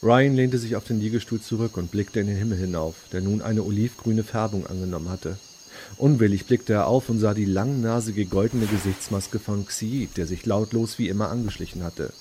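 A man narrating a science fiction story in a measured, dramatic way. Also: fairly low pitch, a little hiss or hum. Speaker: audiobook narrator. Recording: read over loud background music.

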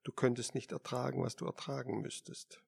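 A man voicing a calm, unyielding male machine intelligence in an audiobook, measured and quietly firm. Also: medium pitch, vocal fry. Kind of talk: audiobook character reading.

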